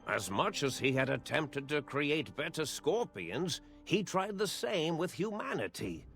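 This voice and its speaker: An actor playing a grave, wistful storyteller, giving measured, solemn scripted narration for a video game. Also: male voice, fairly high pitch, sing-song, gravelly, over music, full character voice.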